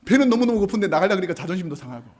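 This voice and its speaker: Animated husky-voiced Korean pastor. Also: male voice, high voice, racing. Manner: animated storytelling, acting out quoted lines. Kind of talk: sermon.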